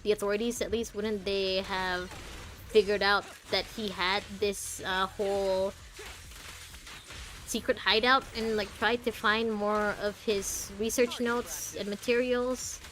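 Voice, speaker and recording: Here's a woman streaming a game, rambling and thinking aloud in casual commentary over slight background noise. Her mid-range voice is a bit bright, fairly even in intonation, and unhurried.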